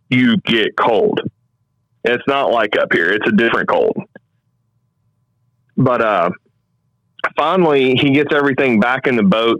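A man telling a hunting story in a casual podcast chat, animated and quick, acting out what people said. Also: mid-range voice, dry recording, muffled recording. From American Midwest.

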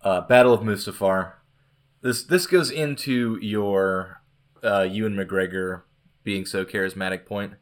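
A man hosting a casual podcast chat who critiques a film in an animated, enthusiastic way. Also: fairly low pitch, unhurried. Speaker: podcast host.

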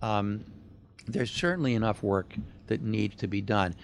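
Man, low voice, measured and thoughtful, audience Q&A answer. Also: gravelly. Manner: measured, thoughtful, rhetorical questions. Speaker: speaker answering audience questions. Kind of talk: public talk Q&A answer.

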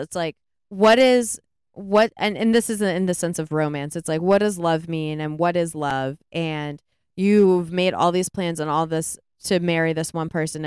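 A woman co-hosting a podcast, retelling a film's plot in a rambling, animated way with lots of "like"s. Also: on the low side, clear, resonant tone, no echo, clean studio sound. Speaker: podcast co-host. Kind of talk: casual movie review chat.

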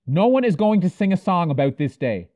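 A man's voice: high voice, sing-song, fairly quick, warm tone. Man playing an indignant heroic knight. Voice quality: impassioned, indignant. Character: dashing heroic knight, earnest and hot-headed.

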